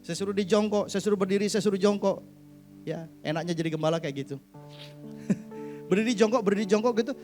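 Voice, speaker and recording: Male pastor preaching, high-pitched, animated, jumps from loud to hushed, soft guitar underneath. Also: fairly quick, long pauses. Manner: mixes English words into his speech. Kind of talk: sermon. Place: church service.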